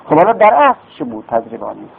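A man's voice: a little high, wildly swooping pitch, gravelly, slight background noise. A man teaching grammar in a classroom lecture, explaining patiently, repeating terms and asking and answering his own questions. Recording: phone-like lo-fi recording.

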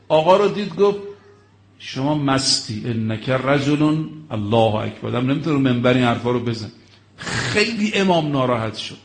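A man's voice: fairly high pitch, echoey room. A man preaching a religious sermon, telling stories dramatically, acting out the quoted speech and rising to emphatic exclamations.

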